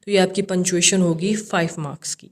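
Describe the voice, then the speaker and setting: A woman's voice: lowish voice, steady tone. A young woman English teacher with a Pakistani accent, walking students through an exam paper and checking in often to be sure they follow. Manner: mixes English terms into Urdu, frequent "theek hai" check-ins.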